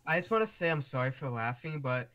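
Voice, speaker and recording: A man's voice: a little high, lively intonation, quick pace, a bit bright. Casting note: man, laid-back streamer, muffled lo-fi mic, faint hiss. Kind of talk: casual chat. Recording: dull lo-fi mic with faint noise.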